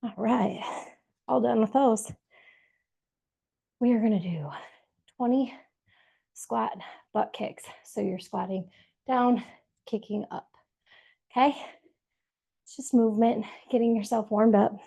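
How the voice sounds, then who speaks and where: A woman's voice: a little high, fairly even intonation, measured pace, gravelly, long pauses, warm tone, breathy edge. A woman leading a workout over a video call, giving encouraging step-by-step cues while she exercises. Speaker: fitness instructor. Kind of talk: live workout instruction.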